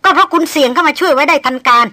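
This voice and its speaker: Proud young noblewoman, read by a woman: bright, tense, scolding tone, dry close audiobook sound. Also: sits high, very fast, no echo, pitched above the performer's own voice. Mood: indignant scolding. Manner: scolding, indignant. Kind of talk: audiobook character voice.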